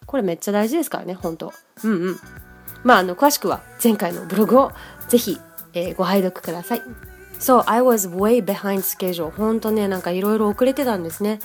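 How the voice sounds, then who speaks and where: A Japanese woman hosting a podcast, giving a chatty pronunciation lesson and switching between Japanese and slow, careful English. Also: mid-range voice, darkish tone. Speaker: podcast host and English teacher.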